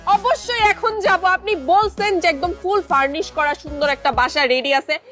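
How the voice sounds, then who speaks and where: Brief: an impatient, scolding young woman in a TV comedy, very high voice. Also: normal speed, pushed and bright, soft background music. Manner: snappish, demanding. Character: impatient young woman scolding the man over a promised flat. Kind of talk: TV comedy drama acting.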